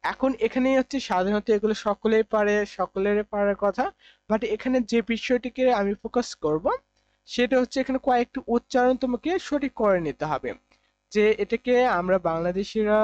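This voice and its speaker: A man's voice: sits high, a little mellow, no echo, dull audio. A young man from Bangladesh, teaching an online English grammar lesson. He asks questions and answers them himself, repeating the key points.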